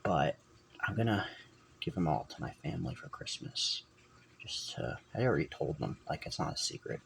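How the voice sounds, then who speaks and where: A man with a deep, gravelly voice rambles through a personal vlog. He keeps stopping to correct himself and drifts off topic. The camera mic picks up a faint hiss of room noise behind him. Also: big pitch swings, normal speed, poor audio. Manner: rambling, self-correcting, digressive. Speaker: vlogger.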